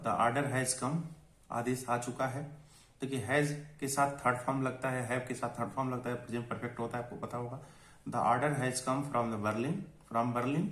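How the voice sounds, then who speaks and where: A man teaching an English lesson. He explains in Hindi and reads the English lines slowly. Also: medium pitch, roomy sound.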